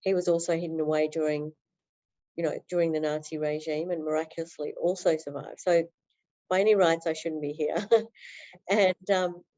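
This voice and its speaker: Low, mellow-voiced woman. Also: fairly even intonation, moderate pace, dull audio. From Australia. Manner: earnest, flowing, with many fillers. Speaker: podcast guest. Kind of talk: interview conversation.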